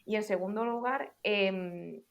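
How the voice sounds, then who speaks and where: A young adult woman co-hosting a casual podcast, explaining points in a clear, organized way. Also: mid-range voice, slow pace. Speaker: podcast co-host.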